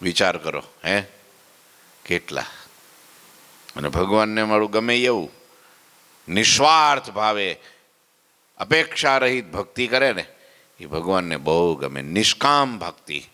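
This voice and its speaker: A man's voice: fairly low pitch, expressive, unhurried, pauses often, sharp tone, long reverb tail. A man telling a devotional story as a preacher, acting out the characters and asking listeners questions. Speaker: katha preacher.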